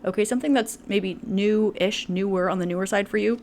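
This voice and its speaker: A woman's voice: medium pitch, fairly even intonation, fairly quick, darkish tone. A woman giving a casual tarot reading to camera, chatty and full of fillers, laughing often. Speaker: tarot reader.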